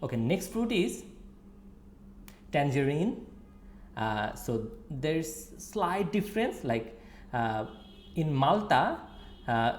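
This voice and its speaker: Slow man teaching words. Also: a little high, very animated, a little hiss or hum. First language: Bengali. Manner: slow, deliberate, repeats each word for the listener. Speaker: language teacher. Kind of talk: slow lesson narration with repetition drills. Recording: roomy echoey room.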